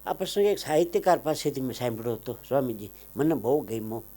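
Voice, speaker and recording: A man with a Kathiawadi Gujarati accent telling emotional folk anecdotes on stage, swelling loud on some lines and dropping low on others. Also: animated, fast. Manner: dramatic swells, loud declaiming then softer asides. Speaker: folk storyteller and comedian.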